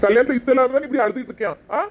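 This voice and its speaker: A woman's voice: high voice, rapid-fire, close to an everyday voice. A woman playing a worried, impatient young groom who keeps pressing with questions. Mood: insistent. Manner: insistent, questioning. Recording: loud background noise.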